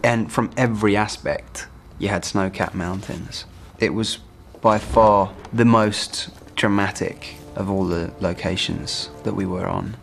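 A man's voice: lowish voice, steady tone, a little slow, gravelly, few pauses, soft background music. A man actor giving film commentary, recalling a location with vivid awe.

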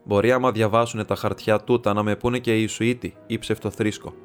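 A man's voice: fairly low pitch, flat delivery, smooth, faint music behind, close to an everyday voice. A man voicing a proud, scornful nobleman who makes a bitter, mocking confession. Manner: mocking and defiant.

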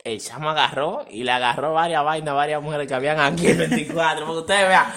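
A man, co-hosting a podcast, telling a story in animated, laughing, slangy casual chat. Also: fairly high pitch, fast. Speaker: podcast co-host.

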